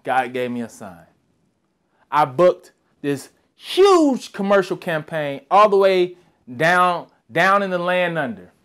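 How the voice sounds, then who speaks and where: A young man with a fairly high voice gives a motivational talk. He tells his story with lively energy and acts out the other people's voices as he goes. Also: takes it slowly, clear, resonant tone. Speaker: motivational speaker.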